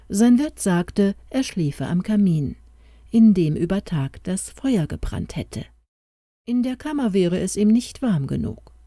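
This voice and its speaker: A woman narrating a fairy-tale audiobook in a calm, expressive reading. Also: on the low side, dry recording, clean studio sound.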